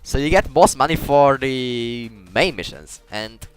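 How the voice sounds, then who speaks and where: Rambling man with a smooth voice. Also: mid-range voice, animated, unhurried, soft background music. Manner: rambling, stumbles over words and restarts often. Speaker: gaming commentator. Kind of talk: casual gameplay commentary.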